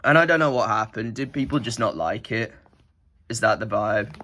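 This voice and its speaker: A young man vlogs about his card collection, rambling casually with many filler words and sounding nasal because of a head cold. He speaks at a moderate pace in a fairly low voice with a sharp tone.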